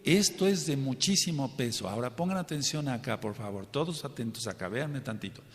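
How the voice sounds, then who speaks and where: Speaking at a brisk, expressive clip in a medium pitch, this man delivers a teaching sermon in a congregation hall. He emphasizes and restates the main points, quizzes the congregation, and the recording carries a long hall reverb.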